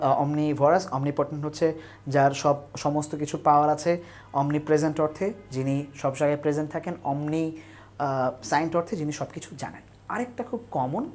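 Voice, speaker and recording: A young woman teaches an online admission-test English lesson on word roots, filmed by a tripod-mounted camera. Her voice is low and a little mellow as she explains step by step, lists examples and frequently checks with "right?".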